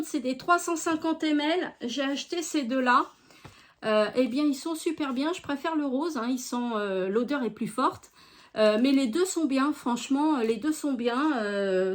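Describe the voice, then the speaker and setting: A woman chatting casually as she reviews finished beauty products, talking straight to her viewers with many hesitations. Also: sits high. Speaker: beauty vlogger.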